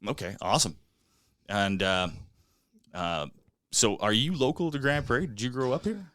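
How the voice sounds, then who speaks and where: A man hosting a podcast, talking in a relaxed way with many fillers and pauses. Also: mid-range voice, dry recording. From Canada. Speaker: podcast host. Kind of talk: casual podcast chat.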